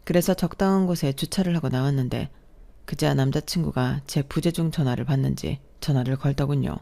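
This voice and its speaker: A woman's voice: rumbling low, a little fast, gravelly, dark tone. A woman narrating a first-person story in a confiding storytelling manner.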